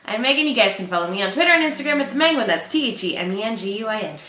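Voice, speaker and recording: A bright, lively woman chats as co-host of a reaction show, her pitch swinging widely as she laughs often. An echoey room surrounds her voice. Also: very fast, a little hiss or hum. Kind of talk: casual chat.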